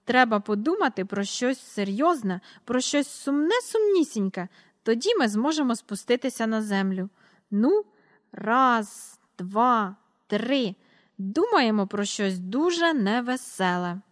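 A woman reading a storybook aloud, voicing a jolly, giggly old gentleman who keeps bursting into laughter. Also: fairly high pitch, very animated, a little slow. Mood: coaxing.

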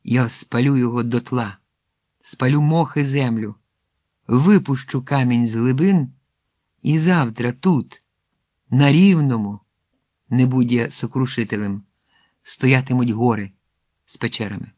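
A man's voice: mid-range voice, unhurried, pauses often, darkish tone, no room sound, close to an everyday voice. A man voicing a cold, cruel male cave warlord who speaks spitefully and commandingly in a storybook reading. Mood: cold menace.

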